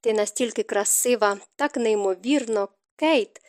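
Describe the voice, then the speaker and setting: A woman's voice: on the high side, unhurried, a little mellow, close to an everyday voice. A woman voicing a passionate young nobleman in an audiobook romance, speaking in urgent, breathless tones. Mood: ardent.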